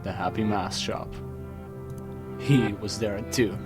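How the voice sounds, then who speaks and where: A man reading a scripted first-person horror story, dramatically, with pauses for suspense. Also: lowish voice, steady tone. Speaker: creepypasta narrator. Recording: music behind the voice. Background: music.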